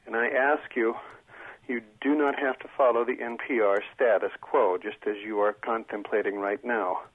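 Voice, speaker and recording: Radio show caller on a tinny phone line, raspy guy, earnest and opinionated, keeps restarting. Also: medium pitch, fairly even intonation, normal speed. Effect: heard over a phone line on the radio. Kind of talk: call-in comment to a public radio show.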